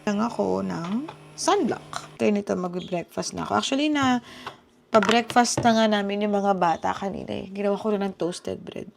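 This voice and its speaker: A Filipina vlogger in her thirties chats casually in her home kitchen, switching between Tagalog and English. Her voice is gravelly, medium-pitched and at a normal speed, picked up by a small handheld camera with background music and a slight hiss or hum.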